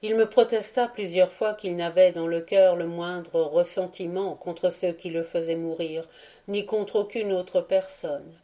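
Woman reading history in a low, mellow voice. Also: steady tone, unhurried. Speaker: audiobook reader. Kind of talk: scripted narration of a history book.

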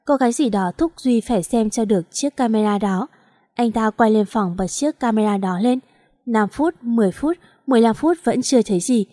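A woman narrating a romance novel with steady, dramatic storytelling. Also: a little high, no echo, clean studio sound.

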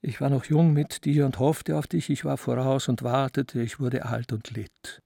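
A man's voice: medium pitch, little pitch movement, moderate pace, gravelly, dark tone, dry recording, studio quality. A man voicing a melodramatic middle-aged aunt, speaking in a pleading, theatrical way. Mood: reproachful.

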